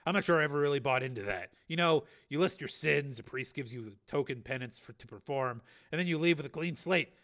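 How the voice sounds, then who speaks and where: A man's voice: mid-range voice, expressive, a little fast, few pauses, a bit bright. A man voicing a weary, blunt middle-aged cop in an audiobook reading, with hesitant, dry, self-deprecating delivery. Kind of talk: audiobook dialogue.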